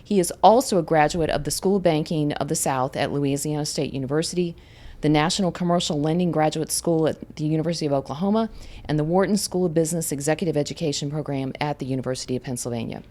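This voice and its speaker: Here the host's voice is deep and dark, and her pace is quick. Running a community podcast interview, she reads out guest backgrounds and asks questions in a friendly way.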